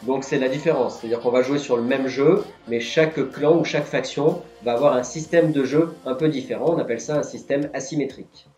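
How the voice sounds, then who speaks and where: A man's voice: medium pitch, fairly quick, few pauses, a little mellow. Man hosting a quiz in a roomy space. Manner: patiently explains each answer. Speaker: quiz host. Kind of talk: live-stream quiz hosting. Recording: roomy, dull lo-fi sound, faint music.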